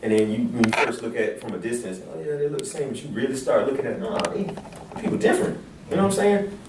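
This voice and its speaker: Speaking quickly in a mid-range voice, this man leads an informal religious discussion, lively and emphatic as he presses each point. The sound is noisy and echoey, captured by a far-off microphone.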